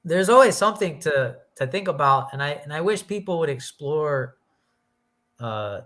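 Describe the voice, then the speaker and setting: A man's voice: mid-range voice, fairly bright tone. A man in a casual philosophical conversation, rambling thoughtfully and often reaching for words with many likes. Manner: rambling, filler-heavy, thoughtful.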